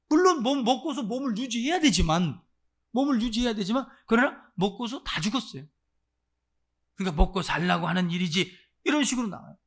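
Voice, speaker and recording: A man preaching a Sunday sermon as pastor, swinging between loud exclamations and near-murmurs and putting direct questions to the congregation. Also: very high voice. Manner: acts out voices of those he quotes. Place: church service.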